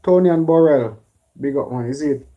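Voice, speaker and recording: A Jamaican man hosting a casual live stream, giving relaxed shout-outs to viewers by name. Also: on the high side, moderate pace, highs cut off. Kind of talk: live stream chat, reading viewer names.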